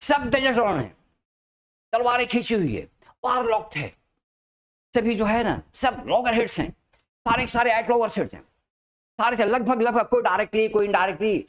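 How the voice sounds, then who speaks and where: A man teaching spoken English to a class, mixing Hindi and English, stretching out key English phrases slowly and often asking whether his students understand. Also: sits high. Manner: lively, drawn-out emphatic English phrases, checks understanding often.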